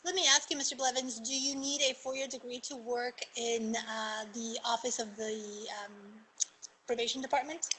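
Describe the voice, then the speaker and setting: A woman from Argentina with Spanish as her first language speaks to students as a magistrate judge. Her voice sits a little high and sounds bright and forceful. She is earnest and encouraging, with a faint hiss of noise behind her. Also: fairly even intonation, moderate pace, poor audio. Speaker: magistrate judge on a career panel. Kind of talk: panel talk to students.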